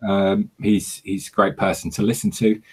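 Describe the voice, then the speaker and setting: A man hosting a casual livestream Q&A, talking haltingly with many ums and restarts. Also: deep voice, flat delivery, husky. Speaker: host of a livestream Q&A. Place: home in South Korea.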